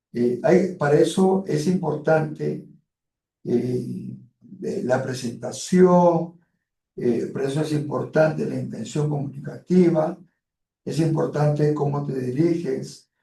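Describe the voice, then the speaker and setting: A man teaches a university class over a video call. His voice is somewhat high but dark and gravelly, and it sounds set back from the mic in an echoey room. He stretches out words for emphasis, fills pauses with "eh" and talks to his students in a casual, direct way. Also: recorded from a distance. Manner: drawn-out emphatic delivery with many fillers; colloquial, addresses students directly. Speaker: university lecturer. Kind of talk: online class lecture.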